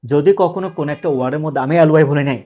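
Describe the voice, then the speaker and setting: Male grammar teacher, somewhat high voice, quizzes the class and answers himself. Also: racing, warm tone. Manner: asks questions and answers them himself. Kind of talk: live online class.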